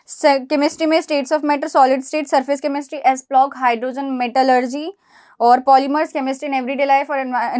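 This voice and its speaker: A young woman from India giving direct, scolding yet encouraging study advice to exam students. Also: high voice. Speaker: exam prep mentor.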